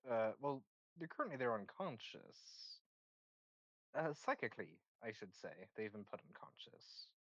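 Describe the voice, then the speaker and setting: A man's voice: mid-range voice, big pitch swings, measured pace, fairly bright tone, dry recording, dull audio. A man running an online tabletop game as game master. He stops and restarts his sentences while he recaps.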